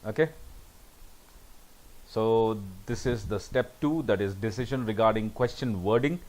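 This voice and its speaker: A man's voice: fairly low pitch, a little slow, darkish tone, low-quality recording. Man lecturing with frequent "okay"s. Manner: repeats "okay" often between points. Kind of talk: recorded slide lecture.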